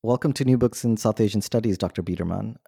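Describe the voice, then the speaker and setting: A man co-hosting an academic podcast, asking questions in a soft-spoken, hesitant way. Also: on the low side, quick pace, creaky. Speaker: podcast co-host. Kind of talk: academic interview.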